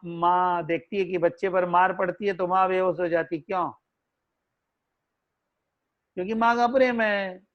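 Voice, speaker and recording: Slow high-voiced man chanting a devotional discourse. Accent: Hindi. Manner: slow, melodic, chants verses. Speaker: religious storyteller. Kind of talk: devotional discourse with sung verses. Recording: dull lo-fi recording.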